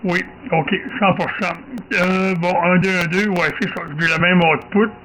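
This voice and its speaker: A man with a Québécois accent chats casually on amateur radio, repeating short affirmations in a high, steady voice that sounds pushed and bright at a normal speed. The audio is poor, with faint radio hiss and ambience behind this casual radio contact chat.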